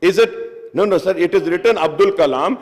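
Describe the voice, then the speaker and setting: Speaking extremely slowly in a high-pitched voice, a state legislator takes part in an assembly debate, moving back and forth between Hindi and English and calling the chair "sir" over and over. The large chamber gives the recording a long, hall-like reverb.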